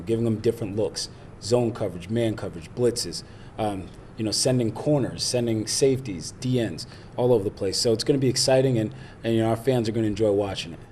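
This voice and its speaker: Male football player, rambling, filler-heavy, lower voice, faint ambience. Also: darkish tone, slight background noise. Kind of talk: casual interview answers.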